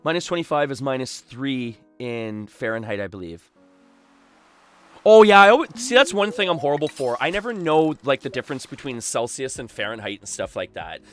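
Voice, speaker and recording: Boisterous canadian guy chatting to his stream, really animated, bit of music in the back. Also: medium pitch, a little fast. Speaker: live game streamer and host. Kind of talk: casual livestream chat with viewers. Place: small backyard shed used as a streaming room.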